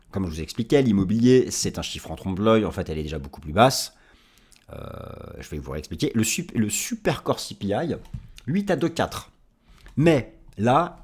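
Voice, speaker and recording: Male analyst, lively pitch, slightly husky, walking viewers through charts. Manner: animated, explanatory, addresses viewers directly. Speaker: market analyst. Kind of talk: market commentary to camera.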